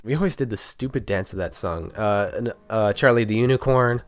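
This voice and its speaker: A young male YouTuber, nasal and stuffy from being sick, tells a joking, chatty story about his school days, stumbling slightly here and there. His fairly low voice runs a little fast over loud music in this casual storytime narration.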